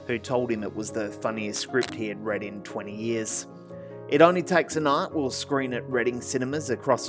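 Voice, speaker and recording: A man with an Australian accent hosting a film podcast, reading guest introductions and chatting with filmmakers. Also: on the low side. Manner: reads introductions, then chats. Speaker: podcast host. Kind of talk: casual interview.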